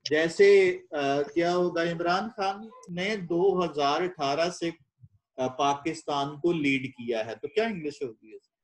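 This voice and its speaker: A middle-aged Pakistani man, an English teacher, lectures on English in Urdu, quizzing his students and translating line by line. His voice sits fairly high and he keeps a measured pace.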